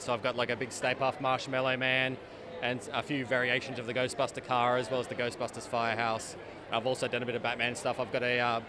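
A man in his thirties, an exhibitor answering interview questions in a relaxed, slightly hesitant way. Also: mid-range voice. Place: busy expo hall. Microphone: handheld mic. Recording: crowd noise behind.

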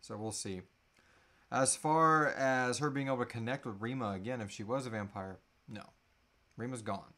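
A man in his thirties, an audio drama creator, hosts a live Q&A from a small room at home, seated indoors. His medium-pitched voice is pushed and bright at a moderate pace as he chats casually and jokingly while answering audience questions.

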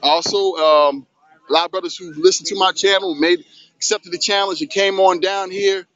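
Man, vlog host, high voice, loose streetwise banter, outdoors on a beach, dull phone recording. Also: fairly even intonation, normal speed, a bit bright. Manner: loose, hyped streetwise talk. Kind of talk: casual handheld beach vlog. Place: outdoors on a sunny city beach. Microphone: handheld phone camera.

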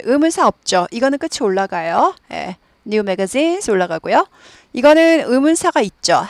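A woman with a fairly high voice explains English grammar in a Korean lesson. She reads example sentences slowly and clearly, and repeats words over and over for practice. The recording is dry and close. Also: no room sound. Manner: repeats words many times for drilling. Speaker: English teacher.

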